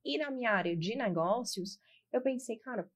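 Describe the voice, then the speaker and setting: A woman in her twenties from northeastern Brazil, a guest on an interview podcast, telling stories in a lively way and repeating words for emphasis. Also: a little high, normal speed, breathy edge. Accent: Ceará Brazilian Portuguese. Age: 20s.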